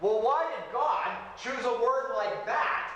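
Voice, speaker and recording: A man teaching a Bible lesson in short phrases, pausing so an interpreter can translate. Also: very high-pitched, pushed and bright, highs cut off. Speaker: seminary teacher. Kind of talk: bible lecture through an interpreter. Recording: echoey hall with faint room noise.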